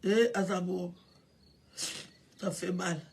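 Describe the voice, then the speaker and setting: Older woman, tearful, stammering and repetitive, slow delivery, phone live stream. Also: fairly low pitch, steady tone, gravelly, a little mellow. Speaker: livestreamer paying tribute. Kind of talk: tearful live video tribute.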